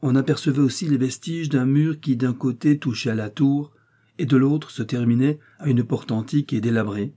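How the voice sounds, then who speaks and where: A man reading a nineteenth-century novel aloud as an audiobook, in a measured, even narration. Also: medium pitch. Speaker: audiobook reader.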